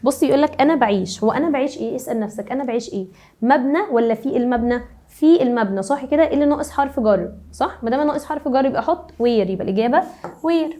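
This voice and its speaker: Brisk Egyptian woman teaching grammar. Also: sits high, dark tone. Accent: Egyptian Arabic. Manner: brisk, keeps asking rhetorical questions. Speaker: English teacher. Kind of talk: grammar lesson for middle schoolers.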